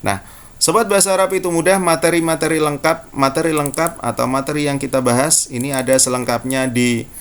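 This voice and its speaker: A man giving a casual Arabic lesson, saying example phrases slowly and with emphasis, then explaining them with friendly asides to the viewer. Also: fairly high pitch, fairly even intonation, clean tone. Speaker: Arabic teacher.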